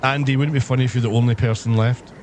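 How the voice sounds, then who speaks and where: A man streamer telling a story casually on a live stream, swearing heavily and animated in his retelling. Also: medium pitch, very fast, a little hiss or hum.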